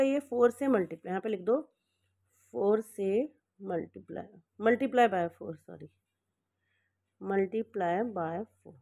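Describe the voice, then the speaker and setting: A woman's voice: sits high, a little mellow. A woman teaching a maths lesson step by step as she writes, checking in with the class often and correcting her own slips.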